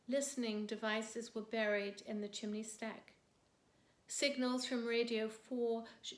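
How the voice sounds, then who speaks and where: A woman reading her own poems in a measured, earnest way, dropping softer on the heaviest words. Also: fairly high pitch. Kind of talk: poetry reading. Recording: roomy echo.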